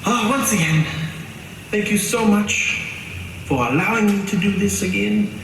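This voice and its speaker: A man playing a flamboyant, vain horror host baron with pompous, theatrical, drawn-out delivery. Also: sits high, a bit bright, full character voice. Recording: echoey room, distant mic, background noise.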